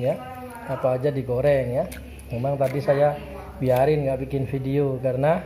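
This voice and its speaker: A woman's voice: a bass voice, background noise. A woman vlogging casually at home, chatting and often calling her viewers "Bun". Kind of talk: casual home vlog chat. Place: indoors at home with family.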